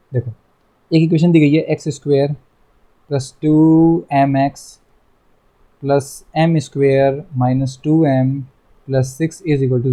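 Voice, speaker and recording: A man's voice: fairly high pitch, warm tone. A young man teaching a math lesson online, chatty, repeating himself and teasing his students.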